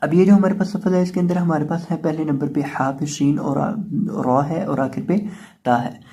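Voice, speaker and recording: A man with an Urdu accent teaching Quran reading, explaining each letter patiently and repeating words slowly. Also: a little high, fairly even intonation, warm tone. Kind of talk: step-by-step recitation lesson.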